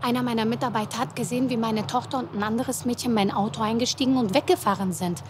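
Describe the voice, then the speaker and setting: A woman acts out a worried, alarmed mother in a reality TV drama. Her voice sits a bit high, and clear background noise runs under it. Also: fairly even intonation, quick pace, natural voice. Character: alarmed middle-aged mother. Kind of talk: scripted reality TV acting. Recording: noisy background.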